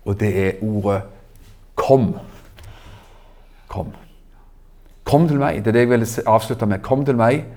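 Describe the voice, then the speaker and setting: A man preaching a sermon in an animated, emphatic way, asking the audience questions. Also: medium pitch. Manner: animated, rising emphatic exclamations.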